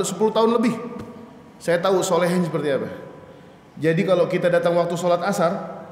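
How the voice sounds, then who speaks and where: High-voiced man preaching in an echoey hall. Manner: lively storytelling, asks the audience questions, acts out voices. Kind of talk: mosque study sermon. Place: mosque hall.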